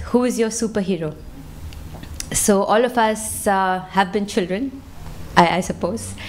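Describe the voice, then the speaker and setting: Woman, temple lecture, conversational, fillers, interactive, mid pitch. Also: a little hiss or hum. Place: temple hall.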